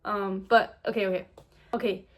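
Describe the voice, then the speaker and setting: A woman's voice: medium pitch, fairly even intonation, moderate pace. A young adult woman recording a casual storytime vlog. She retells events animatedly, acts out what others said, and uses "like" constantly. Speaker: vlogger.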